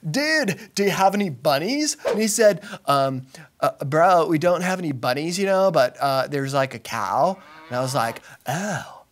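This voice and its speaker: A man's voice: on the high side, expressive, moderate pace, slight background noise, close to an everyday voice. A man playing a dim, laid-back young surfer dude who rambles slangily, saying dude and bro constantly. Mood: rambling. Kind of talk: comic monologue.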